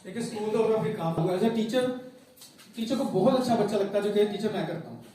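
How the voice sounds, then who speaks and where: A man's voice: sits high, fast, crowd noise. A man with a Pakistani Urdu accent, leading an interactive parenting workshop and asking the audience questions. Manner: conversational, asks the audience questions. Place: school hall with an audience. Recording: echoey hall from far off.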